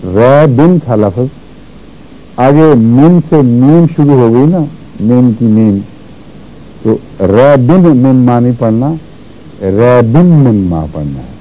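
A man teaching Quran recitation rules, explaining patiently and repeating words slowly to show how they are pronounced. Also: medium pitch, expressive, warm tone, dull audio. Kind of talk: religious lesson on Quran recitation.

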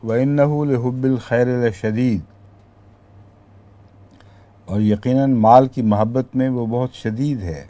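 Mellow-voiced man explaining verses to a class. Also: on the low side. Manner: explains patiently, pausing to question listeners. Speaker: teacher.

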